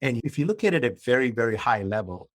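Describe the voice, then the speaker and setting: A man's voice: mid-range voice, sing-song, fast talker, no echo. A middle-aged man from Malaysia, a guest author and coach explaining his ideas in a podcast interview in a structured way, often checking in with "right?".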